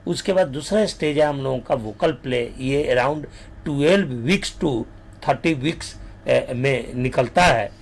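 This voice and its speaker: A man giving a lecture, moving between Hindi and slow, dictated definitions. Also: medium pitch, gravelly. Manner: mixes Hindi with English terms, slows to dictate definitions.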